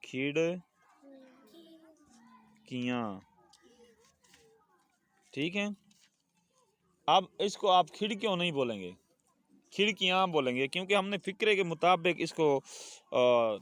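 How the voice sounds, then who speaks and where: A man's voice: a little high, a bit bright. A man with a Pakistani Urdu accent teaching a children's Urdu lesson, patiently repeating words and sentences for his pupils to say back. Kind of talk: classroom lesson with call-and-response drills.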